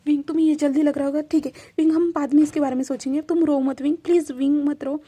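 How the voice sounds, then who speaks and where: Tender young fiancé, pleading and repetitive, read by a woman storyteller, high, mellow voice. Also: fairly even intonation, quick pace, close to an everyday voice. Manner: pleading, repeats the name.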